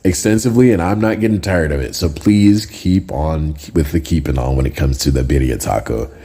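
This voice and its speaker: Deep, husky-voiced Jamaican-born man. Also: brisk, dark tone. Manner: conversational, often tags lines with "right?". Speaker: podcast host. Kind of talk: casual solo podcast talk.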